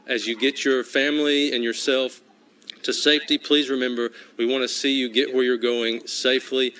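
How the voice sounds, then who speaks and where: A man speaking as a state transportation official, giving a formal, measured press briefing statement from prepared remarks. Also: medium pitch, little pitch movement, bright, forceful tone, clear, resonant tone.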